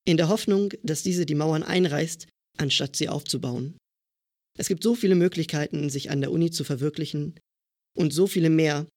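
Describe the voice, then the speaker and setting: A young man in his twenties reads out a formal, critical statement in a somewhat high voice. The recording is dry, with almost no room sound. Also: creaky, no echo. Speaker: student cinema member. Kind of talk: read-out statement.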